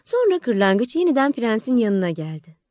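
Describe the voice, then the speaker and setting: A woman narrating a fairy tale audiobook in a measured, expressive storytelling manner. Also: on the high side, no room sound, clean studio sound. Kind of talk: scripted narration.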